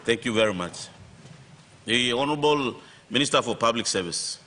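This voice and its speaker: Man, Papua New Guinean accent, deputy speaker, forceful bright tone, formal, firm, admonishing. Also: mid-range voice, expressive, moderate pace. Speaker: deputy speaker chairing parliament. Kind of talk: formal address from the chair.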